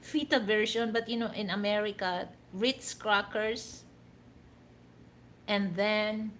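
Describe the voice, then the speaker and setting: A Filipino woman, whose first language is a Philippine language other than Tagalog, hosts a livestream, rambling casually with many "you know" fillers. Her voice is medium-pitched and fairly bright. There's a little hiss or hum in the audio.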